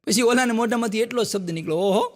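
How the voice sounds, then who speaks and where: Speaking very fast, a stand-up joke teller performs Gujarati folk jokes for a live audience, and a long reverb tail follows his words. He's an animated storyteller who acts out each quoted character with jumps in pitch, while the crowd laughs in the background.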